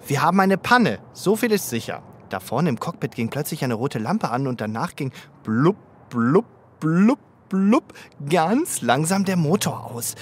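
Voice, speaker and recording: Cartoony know-it-all zebra for a kids audio play, super swoopy and theatrical. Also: male voice, on the high side, very animated, husky, heavily acted. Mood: amused explaining. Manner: theatrical, self-important, drawn-out words. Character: cheerful talking zebra, playful know-it-all road safety expert. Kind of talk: children's audio drama acting.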